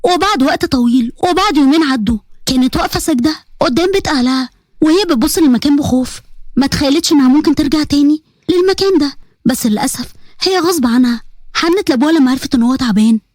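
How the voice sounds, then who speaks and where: Egyptian woman narrating a story, high voice, very fast, dry close sound. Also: no echo. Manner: brisk, expressive reading.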